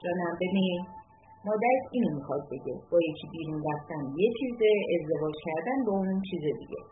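A calm father tries to smooth things over in a soothing, even-handed tone, voiced by a woman narrator. The voice has lively movement, and the thin, phone-like sound carries music underneath. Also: lowish voice, noisy background, lightly acted. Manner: soothing, conciliatory. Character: calm father trying to keep peace. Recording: tinny lo-fi audiobook with music.

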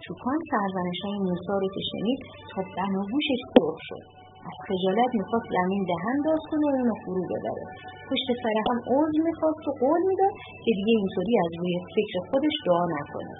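A woman narrating an audiobook in an even storytelling manner, on a narrow phone-like recording with music behind. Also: mid-range voice.

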